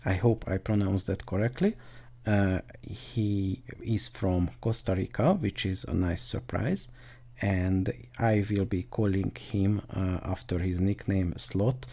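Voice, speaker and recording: A man hosts a podcast interview in a low, gravelly voice with a mellow, dark tone. He hesitates often and fills his pauses with "uh" as he introduces his guests and asks questions. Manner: hesitant, many fillers. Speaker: podcast host.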